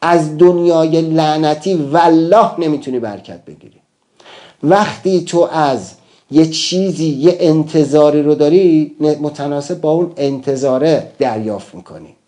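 A man's voice: a little high, mellow. A man giving a motivational talk, emphatic and addressing listeners with rhetorical questions. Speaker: motivational speaker.

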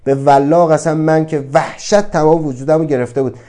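A man's voice: a little high, fairly even intonation, mellow. A man giving a motivational talk, earnest and reflective, asking many rhetorical questions. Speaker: speaker on self-acceptance.

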